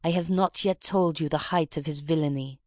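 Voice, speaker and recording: In an audiobook reading, a narrator voices a proud, grave Russian revolutionary woman making a dignified confession, acted only lightly. The delivery is brisk, mid-pitched and fairly even in intonation. The recording is dry and close, with no echo.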